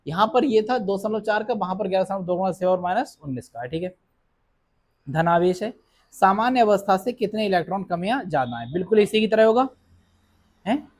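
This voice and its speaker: A male physics teacher giving a classroom lecture, asking the class questions and answering them himself, reading numbers out slowly and often checking in with a quick okay. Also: high voice, expressive. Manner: reads numbers out slowly and deliberately. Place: classroom with students present.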